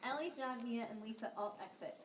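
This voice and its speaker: A woman's voice: a little high, a little fast. A woman reading stage directions aloud in a student play. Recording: noisy echoey stage from far off.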